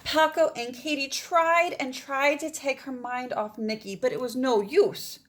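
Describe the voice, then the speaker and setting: In a high, unhurried voice, a woman reads a children's picture book aloud with expression. She adds casual asides, pointing out the pictures to her listeners.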